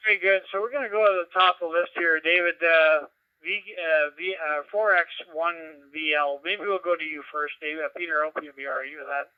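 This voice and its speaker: A man acting as net control for an amateur radio net. His voice comes through a scanner radio, and he speaks haltingly with many fillers while spelling out call signs. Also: a little high, fairly even intonation, smooth, dry recording, narrow, tinny audio. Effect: radio received through a scanner.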